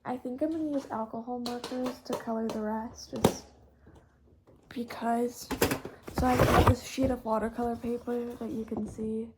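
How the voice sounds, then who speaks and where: Amid heavy background noise, a Texan teen girl rambles casually as a podcast host while coloring, pencil and marker scratching audible on the paper. She speaks at a moderate pace in a fairly high, steady voice with a youthful, informal style.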